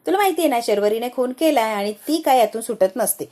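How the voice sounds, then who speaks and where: A woman's voice: a little high, lively intonation, fast talker, warm tone, lightly acted. A woman reading the lines of a blunt, outspoken young woman who speaks up defiantly.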